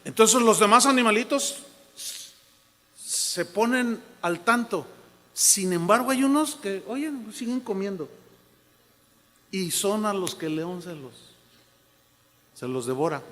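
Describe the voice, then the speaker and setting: Slow, bright-voiced pastor preaching. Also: male voice, sits high, in a large hall. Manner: emphatic, urging and warning the congregation. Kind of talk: sermon.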